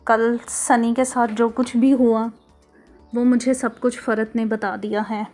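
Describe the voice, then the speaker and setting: A woman reading as a calm fatherly man. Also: on the high side, measured pace, natural voice. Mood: stern. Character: gentle fatherly middle-aged man advising his daughter. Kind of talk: storybook reading. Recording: soft music underneath.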